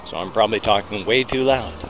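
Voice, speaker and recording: This casual walking vlog features a middle-aged American man with a voice on the low side, talking briskly into a small recorder held close to his mouth. He rambles and jokes at his own expense while walking through a small town along a busy road, with loud traffic going by and music in the background.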